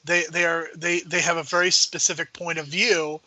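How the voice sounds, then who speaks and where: A man co-hosting a podcast, talking films in a measured way and often hedging his points. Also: a little high, flat delivery, sharp tone, no echo, rough recording. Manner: measured, hedging with frequent "I think". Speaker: podcast co-host. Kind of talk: casual film discussion.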